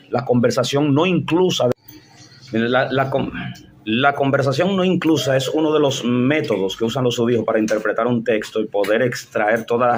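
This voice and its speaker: A man's voice: medium pitch, a little hiss or hum. A man giving a Bible study lecture, explaining passages in a direct, conversational way and often restarting his sentences. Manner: explanatory, addresses the listener directly, frequent restarts. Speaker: Bible teacher.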